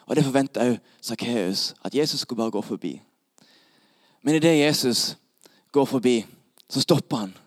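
A man preaching a sermon, retelling a story in a lively, playful way to a gathered audience. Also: medium pitch, long pauses, dry recording, clean studio sound.

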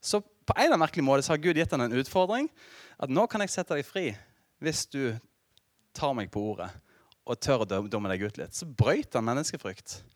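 A middle-aged man preaching a sermon as pastor, telling a story with lively asides and laughter to the congregation. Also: medium pitch, no echo, clean studio sound.

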